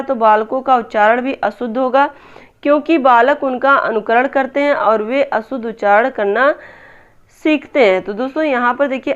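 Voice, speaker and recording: A woman with a fairly high, smooth voice explains exam answers patiently, one step at a time, and keeps addressing her viewers as friends. The recording sounds a little dull and lo-fi. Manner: repeats "दोस्तों", asks and answers own questions. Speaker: teacher exam-prep tutor. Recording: slightly dull lo-fi audio.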